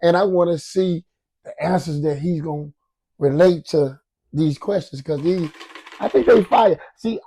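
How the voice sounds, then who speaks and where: A man's voice: fairly high pitch, measured pace, warm tone, slightly rough, dry recording, poor audio. A man hosting a podcast in a casual, slangy way, with plenty of swearing and verbal tags. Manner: slangy, heavy swearing, frequent "you know". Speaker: podcast host. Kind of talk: casual chat.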